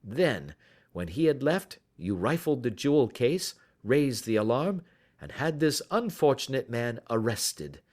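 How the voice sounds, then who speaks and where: A male reader plays a commanding gentleman detective in a mystery audiobook. His pitch is raised and very lively, with formal, precise phrasing and a coolly sardonic edge. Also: unhurried. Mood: cool, accusing. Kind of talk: audiobook character voice.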